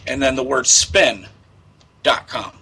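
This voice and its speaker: A man's voice: medium pitch, slow pace, pushed and bright, slight background noise. A man improvising casual phone talk as a program organizer, explaining things in a hesitant, repetitive way. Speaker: prank caller posing as a prison program organizer.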